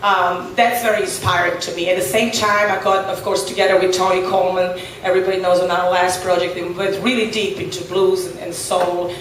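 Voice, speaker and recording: The speaker is a blues guitarist from Serbia being interviewed on a boat, answering thoughtfully in Serbian-accented English, his second language, with lots of fillers and restarts. His voice is medium in pitch and a bit bright, captured far from the mic in an echoey space with faint noise.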